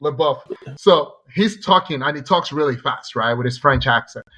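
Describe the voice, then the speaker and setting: A man's voice: mid-range voice, moderate pace, a bit bright. A man co-hosting a podcast, chatting casually about sports and eagerly jumping in to make his points. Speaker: podcast co-host.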